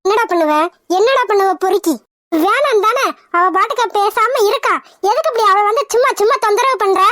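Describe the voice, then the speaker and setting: A woman's voice: very high-pitched, brisk, fairly bright tone, dry recording, clean studio sound. A woman voicing young women in a cartoon, emotional and pleading by turns. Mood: scolding. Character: young women, spirited but put-upon. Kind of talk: cartoon voice acting.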